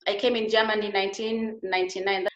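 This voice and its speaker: A middle-aged Ugandan woman, a beauty and wellness therapist, is the guest in a conversational interview in Germany, speaking earnestly and often restarting. Her medium-pitched voice is level, fast, and a bit bright. The recording is muffled with a roomy echo.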